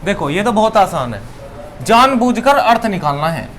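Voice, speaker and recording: A man with a notably high voice teaches an exam-prep grammar lesson. He explains step by step and keeps firing rhetorical questions at the listener. A faint hiss of background noise sits under the recording. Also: big pitch swings, normal speed, fairly bright tone, rough recording. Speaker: Hindi teacher.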